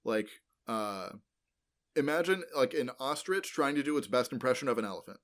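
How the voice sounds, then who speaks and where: Expressive and fairly bright, a man with a mid-range voice co-hosts a casual podcast and talks through paleontology. He meanders, fixes his wording mid-sentence, and uses "like," "um," and "uh" constantly.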